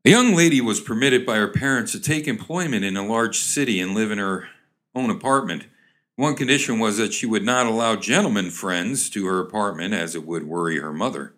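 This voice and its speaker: Middle-pitched man, animated and rambling, casual comic joke reader. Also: a little fast. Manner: rambling, chuckling, hammy voices for quoted characters. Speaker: comedic reader of old joke cartoons. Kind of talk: ad-libbed comic commentary and joke reading.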